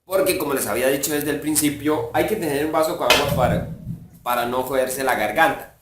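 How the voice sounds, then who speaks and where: A man's voice: mid-range voice, brisk. A man, a voice impressionist, casually explaining his imitation techniques in a rambling way, full of filler words. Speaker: voice impressionist and fandub creator. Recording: echoey room, mic far off, faint hiss.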